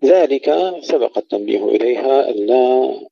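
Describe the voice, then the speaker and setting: A man teaching Quran recitation rules. He recites verses slowly and drawn-out, then explains pronunciation quickly and corrects common mistakes. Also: medium pitch, lively intonation, creaky, no room sound, dull audio.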